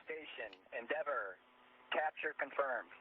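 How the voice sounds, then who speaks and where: An astronaut making clipped, procedural calls over a crackly space-to-ground radio link. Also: male voice, medium pitch, animated, a little slow, a crowd in the background. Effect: crackly narrow space-to-ground radio. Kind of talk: terse radio call. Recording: tinny distant radio downlink.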